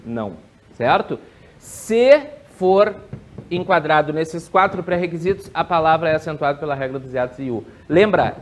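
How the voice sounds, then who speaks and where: A man teaching a grammar lesson for an exam, drilling rules with quick yes-or-no questions and drawing out key words slowly. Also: fairly high pitch, a little hiss or hum.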